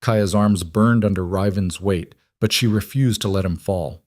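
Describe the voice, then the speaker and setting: Low-voiced male fantasy narrator. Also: a little mellow, no room sound. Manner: dramatic, measured storytelling. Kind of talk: scripted audiobook narration.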